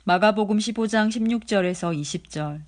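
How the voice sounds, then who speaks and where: A reader giving a steady, measured daily scripture reading. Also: mid-range voice. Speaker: Bible reader.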